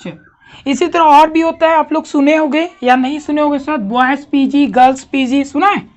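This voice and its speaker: A woman's voice: high-pitched, fairly even intonation, normal speed, muffled recording. A woman teaching a grammar lesson to a class, asking questions and checking understanding often.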